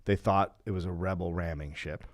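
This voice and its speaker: A man hosting a comedy podcast, telling a history story casually with halting speech, many restarts and ums. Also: low voice, fairly even intonation, dry recording, studio quality.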